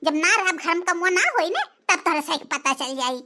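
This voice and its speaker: Performer doing cartoon daughter-in-law, Awadhi accent, bitter complaining rant, piercing high voice. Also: female voice, animated, fairly quick, heavy background noise. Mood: bitter, fed up. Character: angry young daughter-in-law walking out. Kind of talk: cartoon voice acting.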